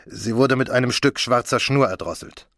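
A man voicing an excitable, effusive middle-aged French police commissioner in an audiobook. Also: mid-range voice, moderate pace, dry recording, studio quality, voice pushed up, natural voice. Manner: eager, effusive, fussy. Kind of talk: audiobook character voice.

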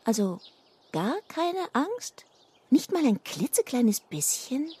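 A teasing young elf girl who likes to spook her friend, her voice raised and full of swing, as a woman narrator puts her on. She leans into secretive, knowing tones like a storybook gossip. Soft music plays faintly. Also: a little high, very animated, moderate pace, husky, voice pushed up. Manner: teasing, secretive, hushed at times.

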